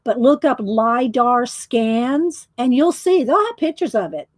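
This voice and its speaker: A woman's voice: on the high side, expressive, a little slow, dry recording. Woman, casual live-stream chat, rambling, restarts a lot, dry sound. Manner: rambling, chatty, many restarts. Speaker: livestream host coloring.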